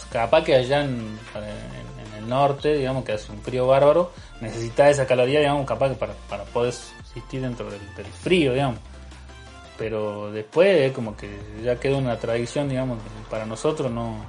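A man in a casual chat, talking with many pauses and restarts. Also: mid-range voice. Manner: hesitant, many restarts and fillers.

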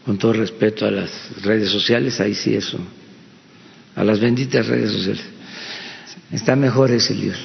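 A man with a Mexican accent, a president answering press questions at a slow, halting pace with long pauses and fillers. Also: fairly low pitch, steady tone, gravelly. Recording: dull lo-fi sound in a reverberant hall.

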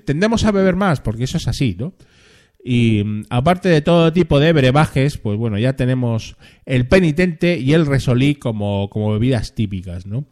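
A man's voice: mid-range voice, darkish tone. Chatty man hosting a live chat. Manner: rambling, chatty, ends phrases with a questioning tag. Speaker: live stream host reading chat.

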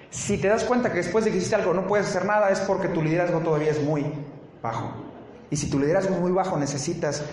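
A man's voice: a little high, darkish tone, reverberant, a little hiss or hum, poor audio. A man preaching a sermon as pastor, talking conversationally, putting questions to the congregation and dropping joking asides. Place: church.

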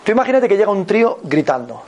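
A man with an accent from Spain giving a motivational talk as a personal growth mentor, animated and repetitive, often checking in with his listeners. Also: high-pitched, fast talker, lo-fi sound. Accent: Spain Spanish.

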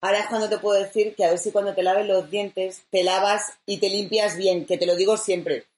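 A woman's voice: mid-range voice, steady tone, a little fast, darkish tone, reverberant. A woman co-hosting a casual chat, opinionated and teasing as she talks. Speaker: co-host. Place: small room at home.

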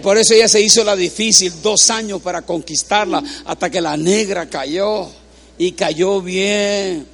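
High-voiced joking male preacher. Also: normal speed, gravelly, hardly any pauses, a bit bright, husky. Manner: joking, playful, repeats phrases for the congregation. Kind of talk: humorous sermon. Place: church.

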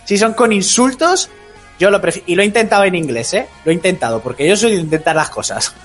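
A man from Spain argues his views insistently and at a rapid clip, his voice fairly high. It is relaxed group chat, with faint music under it. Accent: Spain Spanish. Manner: opinionated and insistent. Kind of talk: casual chat.

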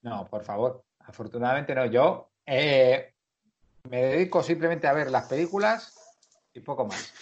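A man's voice: medium pitch, unhurried. A man speaking modestly in a casual chat, laughing easily. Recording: dull lo-fi recording.

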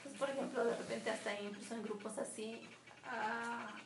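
A woman in a group discussion who speaks hesitantly, pausing to find her words. Her voice is somewhat high with a gravelly edge. She is far from the mic in an echoey room with clear background noise. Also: steady tone. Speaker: group member.

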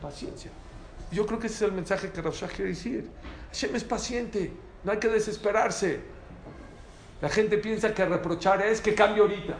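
Animated man teaching. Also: high-pitched, moderate pace. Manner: animated, rhetorical questions, repeats for emphasis. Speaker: Torah teacher. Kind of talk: lively spoken Torah class. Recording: roomy echo, faint background noise.

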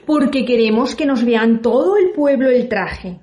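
A vain storybook emperor, put on by a woman in a somewhat lowered voice. He speaks in a measured, self-satisfied way, as a storyteller's figure would. The sound carries the ring of an echoey room. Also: a little mellow. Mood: pompous. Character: vain male emperor of a folk tale.

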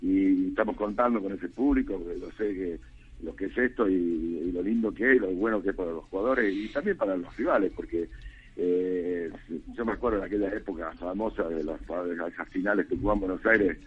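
Argentine man, middle-aged coach, low husky voice, phone-line sound, halting earnest talk. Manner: halting, many restarts and fillers, earnest. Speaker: rugby head coach interviewed by phone. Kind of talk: casual phone interview. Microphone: telephone.

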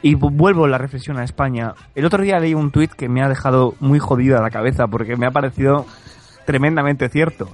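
A man's voice: mid-range voice, a little fast. A man from Spain hosting a comedic chat segment, rambling and joking with frequent laughter. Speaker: podcast segment host.

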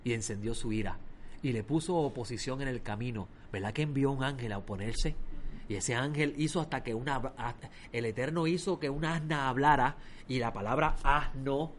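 A man preaching a sermon, telling stories with lively swings between loud emphasis and quiet asides. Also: mid-range voice, normal speed, slight background noise.

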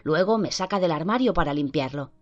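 Una mujer lee con voz propia a un niño maltratado que relata, tenso y entrecortado, su encierro. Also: female voice, low-pitched, lively intonation, fairly quick, voice pushed up. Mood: fearful. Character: frightened abused young boy recounting. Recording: dull lo-fi with faint music.

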